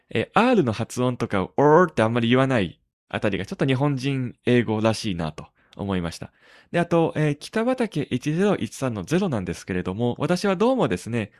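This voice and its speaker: A man hosting a tech podcast in casual talk, pausing often on drawn-out fillers between phrases. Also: medium pitch, no room sound, studio quality. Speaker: podcast host.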